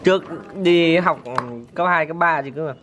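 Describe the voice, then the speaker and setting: A woman's voice: lowish voice, fairly even intonation, a little slow. A woman chatting casually as she hosts an eating video, talking with food in her mouth that burns from the spice. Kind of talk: casual chat. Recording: noisy handheld recording with clicks.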